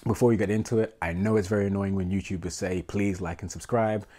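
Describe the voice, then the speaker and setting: A London-accented Englishman in his thirties, a portrait photographer, talks fast and low to camera in a small room at home. Congested with a cold, he rambles in a relaxed, self-deprecating way through his casual vlog.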